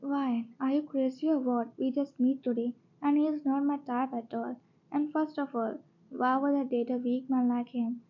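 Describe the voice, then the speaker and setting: A haughty young mafia queen, bossy and arrogant, who makes threats, as a woman reads her. The voice sits high for a woman. The storybook audio is dull and lo-fi. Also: steady tone, normal speed.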